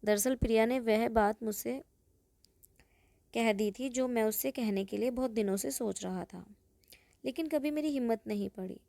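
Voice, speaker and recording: A woman with a slightly high voice reads a heartfelt story at a steady, even pace. Her tone is mellow and soft-edged, with a gravelly fry running under the words. The sound is close and dry. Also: moderate pace, no room sound. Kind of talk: first-person story narration.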